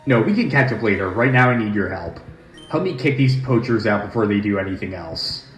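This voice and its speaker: A man's voice: fairly low pitch, expressive, brisk, soft background music, natural voice. A man voicing a stern, righteous woman trainer from a game, imperious in manner, in an echoey room. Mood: urgent, commanding. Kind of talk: dramatised game dialogue.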